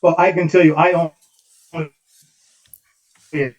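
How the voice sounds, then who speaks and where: Guy presenting slides over a call, audio glitching and cutting out, dull lo-fi line, a bit high. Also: flat delivery, takes it slowly, a little mellow. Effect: choppy audio that keeps cutting out. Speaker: consultant presenting to a commission. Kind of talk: formal presentation read from slides. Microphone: remote call audio.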